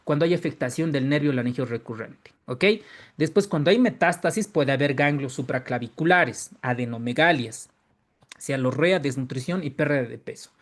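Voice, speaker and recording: A man's voice: medium pitch, moderate pace. Man lecturing, emphatic and repetitive. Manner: repeats key phrases, tags lines with "¿no?" and "¿ok?"; lively, emphatic rises on key terms. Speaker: medical exam-prep lecturer. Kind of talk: online medical lecture.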